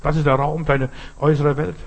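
A man preaching with a husky, slightly breathy voice. He speaks earnestly and addresses each listener directly. He drives his points home by repeating key phrases. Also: fairly high pitch, flat delivery, a little fast. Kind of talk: sermon.

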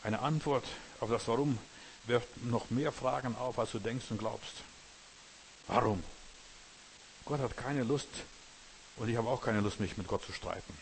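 A middle-aged man preaching a sermon with a lot of repetition, his voice rising hard on the refrains, then dropping into a quiet prayer. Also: mid-range voice, a little slow, vocal fry, long pauses, a little hiss or hum, poor audio.

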